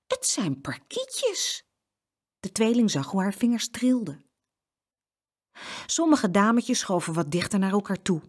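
A woman reading a children's story aloud with an expressive, lively delivery. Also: medium pitch, moderate pace, long pauses.

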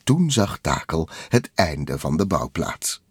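A man narrating a children's storybook in a lively, expressive way. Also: a bass voice, takes it slowly, breathy edge, dry recording, clean studio sound. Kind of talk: storybook read-aloud narration.

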